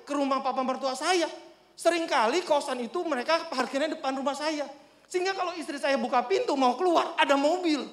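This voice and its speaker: A male preacher tells a story in a lively, joking way. His voice sits very high for a man. The sound is echoey, as from a church hall. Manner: animated, humorous, addresses congregation often. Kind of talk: storytelling sermon.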